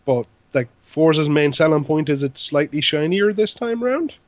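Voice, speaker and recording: A man on a podcast panel, giving measured, opinionated takes. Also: on the high side, lively intonation, dry recording, highs cut off. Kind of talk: casual chat about games.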